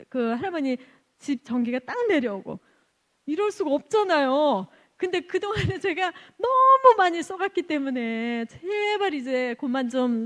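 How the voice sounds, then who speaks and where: A woman missionary giving an animated testimony at a church service, laughing often and acting out the people in her stories. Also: high voice. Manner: animated, laughs often, acts out quoted exchanges. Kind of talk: lively storytelling testimony.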